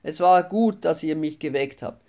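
A man's voice: on the high side, moderate pace, mellow, lightly acted. A man voicing a troubled, haunted man in an audiobook, uneasy and subdued.

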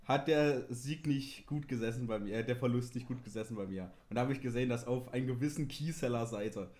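A man's voice: mid-range voice, fairly quick, darkish tone. A man chatting casually on a podcast, teasing his friends and laughing often. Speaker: podcast co-host. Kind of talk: casual chat.

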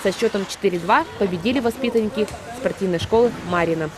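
A woman's voice: mid-range voice, fast. A woman reporter reading a scripted sports news narration. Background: music.

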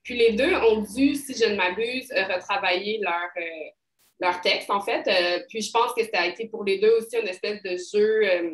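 A woman's voice: mid-range voice, normal speed. Woman, québécois accent, thirties, rambling and casual, roomy echo. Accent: Québécois French. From Quebec. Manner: rambling, many fillers and restarts. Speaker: poet, interview guest. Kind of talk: casual interview talk.

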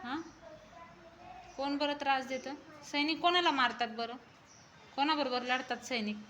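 A woman's voice: high-pitched, steady tone, moderate pace, fairly bright tone. A woman schoolteacher questioning young pupils in class, coaxing them and repeating her questions, telling them to speak up. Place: school classroom full of children. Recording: noisy classroom ambience.

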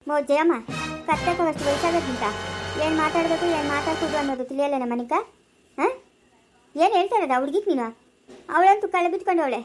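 A woman playing a quarrelsome older village woman who shouts sharp, rapid accusations in a homemade family drama. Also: high-pitched, loud music behind the voice, natural voice. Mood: angry scolding.

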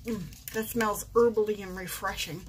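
Doing her makeup on camera at home in her bedroom, this woman in her forties keeps up casual, self-mocking chatter and talks through every step as a vlogger. Her medium-pitched voice holds a steady tone at a moderate pace, with slight background noise.

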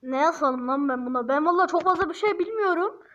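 A woman giving casual commentary for a video, teasing and exasperated, laughing often, drawling words slowly as she dictates what to type. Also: high voice, expressive, a bit bright. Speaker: YouTuber. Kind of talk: casual screen-recording commentary. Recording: dull lo-fi recording.

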